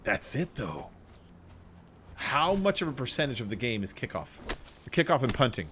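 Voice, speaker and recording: Animated, joking streamer guy. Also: medium pitch, normal speed, a little hiss or hum. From United States. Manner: rambling, jokey, laughs often. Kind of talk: casual chat while gaming.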